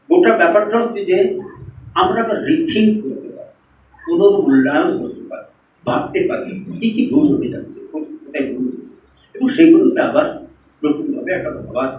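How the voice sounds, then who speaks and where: Bengali male speaker at a seminar, high-pitched, heard from afar in an echoey hall. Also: a little mellow, a little hiss or hum. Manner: engages the audience with hands-on exercises. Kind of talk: seminar talk to an audience. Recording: roomy echo from far off.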